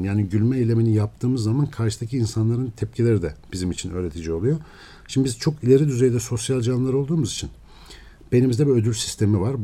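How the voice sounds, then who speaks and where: A male neuroscientist guest giving steady, lecturing explanations in a radio interview. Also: medium pitch.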